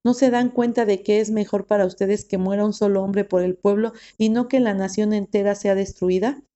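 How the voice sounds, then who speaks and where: A woman reading aloud the lines of Caiaphas, a stern male high priest. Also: steady tone, normal speed, dark tone, dull audio, close to an everyday voice. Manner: read aloud plainly.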